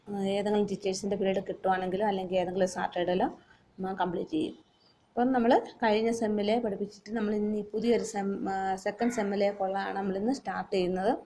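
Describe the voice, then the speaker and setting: A woman teacher with a Malayali accent giving a recorded online lesson for young children, slowly explaining and repeating words and spellings for them to copy. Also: mid-range voice, dark tone, slight background noise. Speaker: primary school Hindi teacher.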